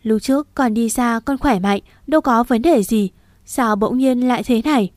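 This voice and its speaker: A woman's voice: fairly high pitch, normal speed, a little mellow, no room sound, studio quality, natural voice. A woman voicing a distraught middle-aged mother who cries and pleads over her son, her voice raised. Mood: tearful, pleading.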